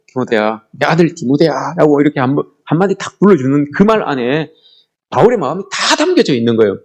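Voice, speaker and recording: A middle-aged male pastor preaching a sermon to his congregation. His voice sits a little high and swings widely in pitch. He tells the story earnestly and often calls out to his listeners directly.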